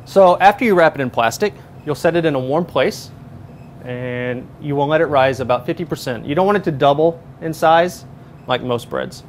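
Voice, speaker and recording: This cooking demonstration features a chef in his thirties whose voice sits on the high side and moves at normal speed. Working in a large professional kitchen, he wears a lapel mic with slight background noise and instructs steadily, step by step.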